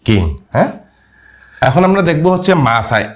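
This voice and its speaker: A man teaching a language lesson, explaining spelling and sounds step by step and often checking with a questioning "yes?". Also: moderate pace. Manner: frequent questioning "হ্যাঁ?" to check understanding; lively rising and falling pitch.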